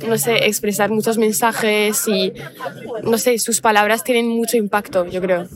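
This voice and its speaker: A woman's voice: medium pitch, steady tone, moderate pace, crowd noise. A young French woman, a student, answering a casual street interview outdoors, hesitant with many fillers. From France. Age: young adult. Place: outdoors by a library.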